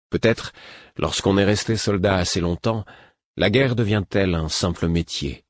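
A male audiobook narrator reads a novel in measured, even first person. His voice sits very low and has a husky edge. The recording is dry and close, with no room sound. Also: dry recording.

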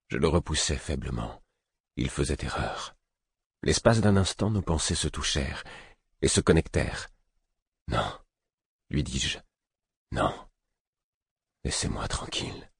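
A man reading a novel aloud in the first person, measured and expressive. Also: rumbling low, breathy edge, no echo, clean studio sound. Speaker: audiobook narrator.

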